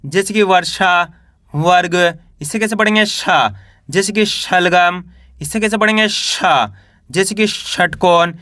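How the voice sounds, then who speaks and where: A man's voice: high-pitched, steady tone, a little slow, sharp tone, no echo, studio quality. A man teaching reading, patiently drilling each letter with repeated questions and example words. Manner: patient, repetitive drilling of syllables. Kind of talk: classroom-style spoken lesson.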